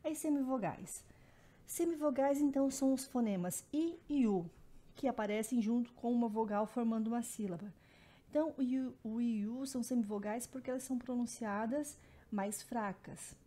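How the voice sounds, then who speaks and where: Woman teacher, higher voice, warm mellow tone, explanatory lesson delivery. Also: moderate pace. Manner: explanatory, repeats terms, frequent "né" and "então". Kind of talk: recorded Portuguese phonetics lesson.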